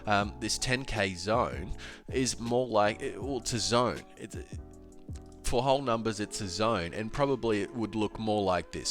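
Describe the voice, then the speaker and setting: This low-voiced man teaches crypto trading in a casual solo video, sounding congested, a bit nasal and clogged up. His delivery is chatty, animated and emphatic, full of filler words and restarts.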